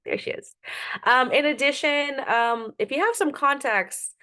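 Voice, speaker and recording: A media professor with a high, sharp voice gives an online workshop presentation over a video call at a measured pace. She's upbeat and emphatic, frequently checking in with "right?" and "okay?".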